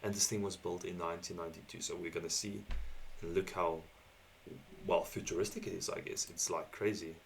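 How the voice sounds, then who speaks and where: A man hosting a casual, slangy reaction video, keeping his voice down quietly because it is late and others are asleep. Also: deep voice, little pitch movement, a little fast, gravelly, poor audio. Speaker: YouTube host reacting to videos.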